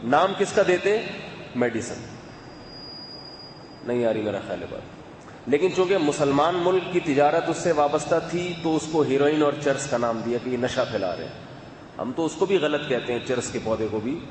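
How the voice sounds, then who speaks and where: A man giving a conversational religious talk in a calm, chatty way, with asides to his audience. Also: a little high. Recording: echoey hall, faint background hum.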